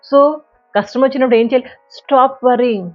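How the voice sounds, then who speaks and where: A woman's voice: high voice, a little fast, lo-fi sound, faint music behind. A woman giving a conversational motivational talk and telling a fable, with playful sound words. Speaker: motivational speaker.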